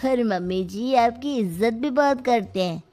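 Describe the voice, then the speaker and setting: A woman voicing a lazy, carefree young son-in-law in a cartoon moral story, breezy and flattering. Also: a little high, moderate pace, faint music behind, close to an everyday voice.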